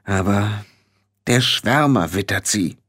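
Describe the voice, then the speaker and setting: Ein Mann spricht einen kleinen, grüblerischen Clanchef, der grummelt und poltert. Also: male voice, lowish voice, expressive, slow pace, a bit bright, slightly rough, no echo, studio quality, exaggerated voice. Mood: brooding. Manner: grumbling and blustering. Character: gruff, brooding little fairy-clan chief man.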